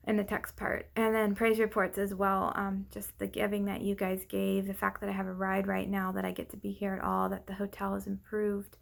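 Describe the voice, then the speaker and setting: A woman speaking out of breath in a casual, unscripted personal update, haltingly and often losing her thread. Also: medium pitch, gravelly. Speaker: vlogger giving a personal update.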